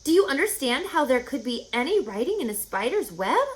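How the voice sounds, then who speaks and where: A woman's voice: high voice, big pitch swings, a little fast, voice pushed up. A woman voicing an anxious, stern and proper mother in a storybook reading, with a fretful, scolding manner. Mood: nervous, puzzled. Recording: echoey room, faint background noise.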